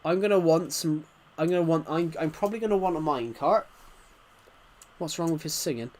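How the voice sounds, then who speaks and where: A male livestream host with a slightly high-pitched, darkish voice chats casually about gaming at a brisk pace. He rambles and stutters while reading out comments.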